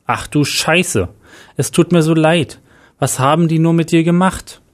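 A man's voice: medium pitch, unhurried. A man voicing a grieving male team leader, shaken but determined, who speaks urgently with emotional outbursts.

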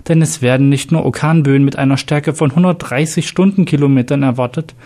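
A man's voice: mid-range voice, mellow, voice pushed up, lightly acted. A man putting on an urgent female secretary. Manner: urgent, rushed delivery. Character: flustered young female police secretary.

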